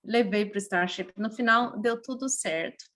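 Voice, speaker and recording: Speaking at a measured pace in a medium-pitched voice, a woman from Brazil recounts personal stories with lively emotion while guesting on a relaxed podcast interview. She is an adult with a young child and has a Brazilian Portuguese accent.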